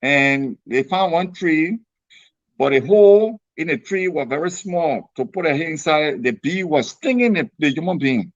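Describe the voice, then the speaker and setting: A storyteller and author with a Liberian accent chats and spins animated tales in exclamatory colloquial English, repeating phrases for effect. His fairly high voice is expressive and moves at a normal speed, with lo-fi sound.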